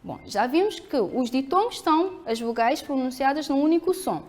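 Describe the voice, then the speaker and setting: A woman teacher with a European Portuguese accent, giving a televised school lesson, speaking clearly and patiently, asking the pupils questions and answering them herself. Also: high-pitched, lively intonation, normal speed, a little mellow, soft background music.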